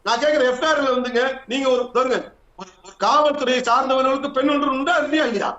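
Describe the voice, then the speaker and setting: A man's voice: extremely high pitch, fast talker. A man arguing insistently as a party spokesman in a heated TV debate, repeating his points. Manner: forceful, insistent, repeats himself. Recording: echoey, slightly dull audio.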